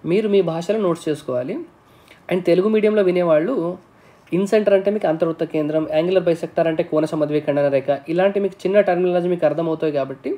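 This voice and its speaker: A man's voice: fairly high pitch, mellow. A male teacher giving an exam-prep lesson, explaining step by step, often checking in with the viewer and mixing English technical terms into his speech.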